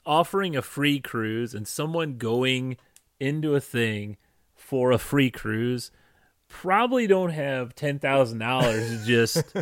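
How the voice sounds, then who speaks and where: A man's voice: medium pitch, animated, slow, dry recording. Man chiming in casually. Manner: brief reactive interjections. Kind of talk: casual chat.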